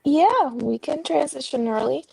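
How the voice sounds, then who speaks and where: A woman hosting a reading livestream from home, chatting casually and telling stories in a relaxed way. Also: sits high, measured pace, creaky, no echo, rough recording. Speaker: sprint host on a reading livestream. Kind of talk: casual chat. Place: at home with her dog.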